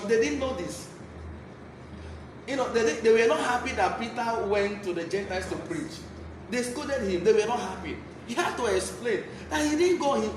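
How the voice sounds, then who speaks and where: Man, Nigerian accent, very high voice, emphatic sermon delivery, repeated key phrases, noisy recording. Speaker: preacher. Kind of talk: Bible teaching sermon. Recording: echoey room, clear background noise.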